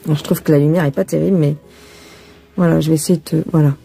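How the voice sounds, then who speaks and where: This deep, husky, dark-toned female voice is steady and quick, with vocal fry, over soft background music. She hosts a relaxed cross-stitch tutorial, explaining as she works and thinking aloud to the viewer, with a phone filming her hands.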